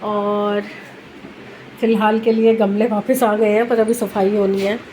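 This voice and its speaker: Woman filming her kitchen redo, talks low and chatty right into a close camera, noisy room behind her. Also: little pitch movement, unhurried, dark tone. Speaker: home vlogger. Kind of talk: casual home renovation vlog. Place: home under renovation, indoors. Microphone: handheld camera held close.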